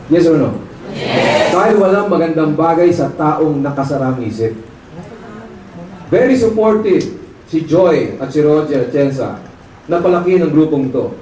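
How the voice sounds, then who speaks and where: A high-pitched man delivers a lively motivational seminar talk, animatedly telling his story and often checking that the crowd agrees. He is recorded from far off in a large, heavily echoing hall, with faint noise underneath. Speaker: seminar speaker, training director. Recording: very echoey hall, mic far off.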